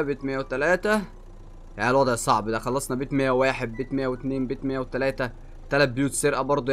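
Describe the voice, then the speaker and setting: A young man with an Egyptian accent giving excitable let's play commentary, swinging from muttering to yelling. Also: mid-range voice. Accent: Egyptian Arabic. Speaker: gaming YouTuber.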